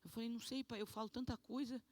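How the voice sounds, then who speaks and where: A woman pastor from Brazil giving an animated, emotional testimony sermon. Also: a little high, quick pace, dry recording.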